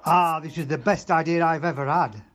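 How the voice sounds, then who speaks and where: An actor playing a gloating villain brother in an audio drama, speaking with slow theatrical menace. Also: male voice, on the high side, muffled recording, loud music behind the voice, lightly acted. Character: gloating villain brother, one of evil quadruplets.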